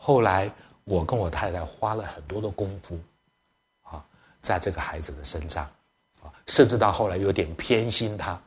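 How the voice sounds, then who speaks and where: A middle-aged man preaches as a church elder, his voice sitting fairly low. He tells family stories in a lively way, acting out both sides of conversations and slipping English phrases into his talk. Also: moderate pace. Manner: lively storyteller, acts out family dialogue; drops English phrases into speech. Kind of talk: sermon storytelling to parents.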